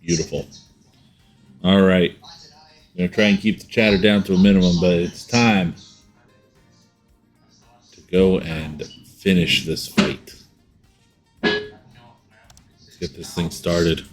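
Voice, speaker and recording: Male streamer, lowish, slow and relaxed, casual chat over faint music. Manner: laid-back, chatty, greets viewers by name. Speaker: game streamer. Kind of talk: casual live-stream chat while gaming.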